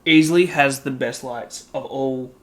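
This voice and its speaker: Speaking a little slowly in a mid-range voice, this Australian man co-hosts a podcast and chats casually about sports. He rambles, laughs often, and says "like" a lot.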